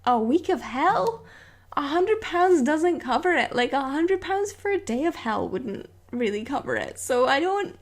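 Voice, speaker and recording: A young woman chatting casually as a vlogger, telling a story and acting out quotes. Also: a little slow. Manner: animated, acts out quotes with sudden high squeals.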